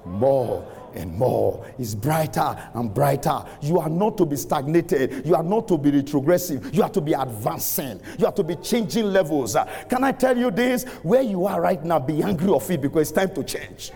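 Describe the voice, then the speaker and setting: A middle-aged man preaching a sermon, using call-and-response, laughing often and rising to shouts. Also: fairly high pitch, very animated, fairly quick, hardly any pauses, breathy edge. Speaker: pastor. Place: large church hall with congregation. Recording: reverberant hall, faint room ambience.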